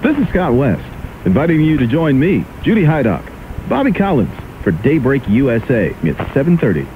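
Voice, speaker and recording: A man's voice: very animated, normal speed. A man reading a scripted station promo as a radio announcer, taped off the radio. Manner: reads a list of features in an upbeat pitch. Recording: tinny off-air radio tape with faint hiss.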